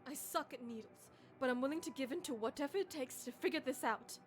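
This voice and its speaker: A high female voice with faint music behind it. A woman acts out a tentative, compliant survivor in a video game, unsure but willing to cooperate. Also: fast talker, natural voice. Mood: hesitant, compliant.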